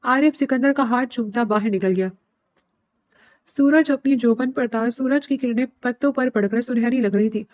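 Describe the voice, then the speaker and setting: Lady reading a novel out loud, steady, kinda high voice. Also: no echo. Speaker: narrator. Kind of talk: audiobook novel narration.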